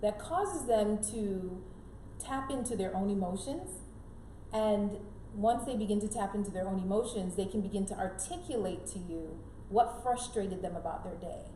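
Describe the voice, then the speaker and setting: Her voice is mellow and medium-pitched, moving at a moderate pace, as this Jamaican-born, Canadian-raised woman in middle age gives heartfelt conversational advice on an interview. She stresses her points and repeats key phrases, and the recording carries a roomy echo and clear background noise.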